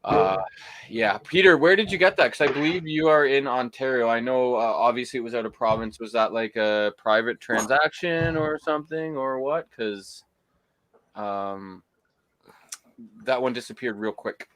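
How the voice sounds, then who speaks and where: A man's voice: medium pitch, moderate pace, a bit bright, no echo. A man hosting a casual whiskey-tasting livestream chat, rambling with lots of fillers and restarts.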